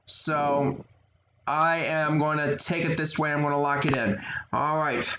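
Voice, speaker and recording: A man's voice: fairly high pitch, flat delivery, a little slow. A man hosting a tabletop racing game, casually counting spaces aloud and asking players to lock in their moves. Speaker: host running the game. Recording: echoey room with noise.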